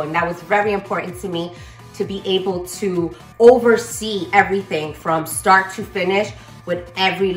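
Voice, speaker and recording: A woman's voice: medium pitch, a bit bright, recorded from a distance. A middle-aged woman giving an enthusiastic, informal walking tour as a business owner, her voice echoing in a big warehouse space. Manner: enthusiastic, presenting on her feet while walking. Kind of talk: informal walk-through video tour narration. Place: large indoor warehouse and open office. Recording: echoey warehouse, voice away from mic.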